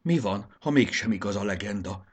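A man voicing an anxious but daring young male hero in a storybook reading, his voice jumping up high when excited. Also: slightly rough.

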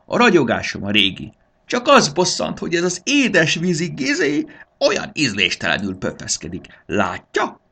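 A man voicing a vain, catty lady pearl necklace in a storybook, speaking in a high, indignant voice. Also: vocal fry, fairly bright tone, heavily acted.

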